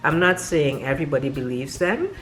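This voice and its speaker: A young woman with a West Indian Caribbean accent, talking to camera in a slow, drawn-out way with dips in volume. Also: low voice, lively intonation, a bit bright, soft background music. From West Indies. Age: young adult. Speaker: vlogger. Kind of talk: casual storytelling to camera.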